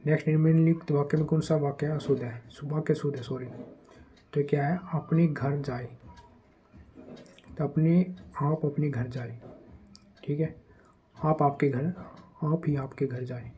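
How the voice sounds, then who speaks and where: A man with a mellow, warm voice teaches an exam-prep grammar lesson in a relaxed, conversational way. He reads each test sentence slowly, then picks up speed to warn about common traps. A faint hiss of noise sits under the recording. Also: a little high, poor audio.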